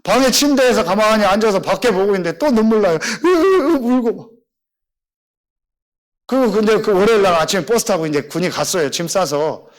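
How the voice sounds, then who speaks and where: A middle-aged male pastor preaching a sermon with emphatic, animated storytelling. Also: high voice, brisk.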